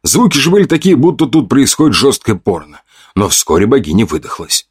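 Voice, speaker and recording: A man's voice: mid-range voice, sing-song, a little fast, slightly rough, no echo. A man narrating a first-person audiobook in a coarse, mocking manner full of slang, on a close mic.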